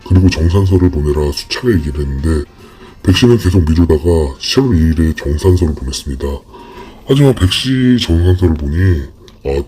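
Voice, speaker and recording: Anonymous voice disguised by deep pitch shift. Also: dark tone, breathy edge. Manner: measured, formal, with frequent hesitant fillers. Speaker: anonymous fraud victim interviewee. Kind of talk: reading a prepared account in an interview.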